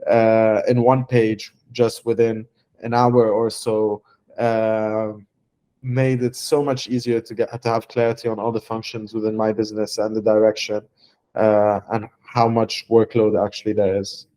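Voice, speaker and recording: A young man from Lebanon, founder of a startup, gives a testimonial interview in a warm, fairly low voice with even intonation. He speaks haltingly, with plenty of fillers and restarts.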